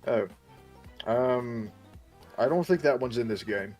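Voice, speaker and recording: Man, tabletop game player, casual in-character chat, patient, mid-pitched, faint music. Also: animated, slow, darkish tone.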